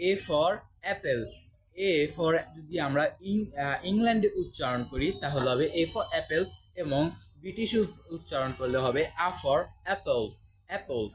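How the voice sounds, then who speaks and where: A young man with a Bangladeshi accent hosting a casual English lesson, pausing often with fillers and drawing out each example word slowly. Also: a little high, husky, low-quality recording. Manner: halting, with many fillers and restarts, slow drawn-out example words. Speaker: English teacher and channel host.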